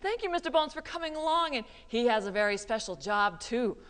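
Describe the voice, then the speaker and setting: A woman leads a children's yoga lesson in a library room. She coaxes and animates her young audience, her pitch swinging widely. A long reverb trails her voice. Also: brisk, smooth. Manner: animated, coaxing, sprinkles in Spanish words. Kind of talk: teaching children live.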